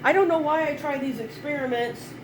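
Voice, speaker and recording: Here the direct-sales consultant's voice comes across high-pitched and brisk against background noise. She's a middle-aged woman with a mild head cold, demoing products live online from her kitchen in a rambling, chatty way, with frequent chuckles.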